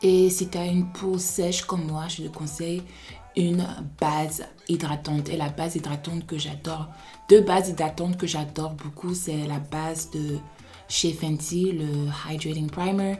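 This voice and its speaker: A young beauty vlogger from Benin, raised in the United States, talks in a low, mellow voice with a steady tone and measured pace. Her Beninese French accent comes through as she chats through a casual makeup tutorial, mixing English phrases into her French, with faint music in the background.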